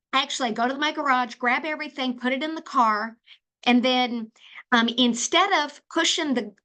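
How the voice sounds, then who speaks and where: A middle-aged woman talks through her own solo podcast with a bright, forceful voice pitched a little high. She tells her story chattily, often restarting phrases and filling gaps with "um". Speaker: podcast host.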